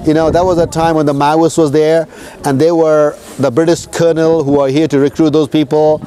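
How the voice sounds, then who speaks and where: A tour guide from Nepal leads tourists outdoors, recounting history in a casual, conversational style and often checking in with his listeners. His voice is fairly high-pitched, with background noise.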